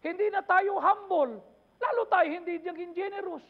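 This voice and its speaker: A pastor with a very high-pitched voice preaches an impassioned sermon in church at a normal speed, mixing Tagalog and English. He keeps throwing out rhetorical questions, and the audio has a phone-quality sound.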